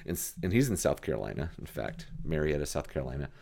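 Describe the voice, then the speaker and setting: A man's voice: very deep voice, very animated, fast talker, creaky, mellow, husky. A man co-hosting a podcast, chatting in an easygoing way about vintage computers. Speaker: podcast co-host.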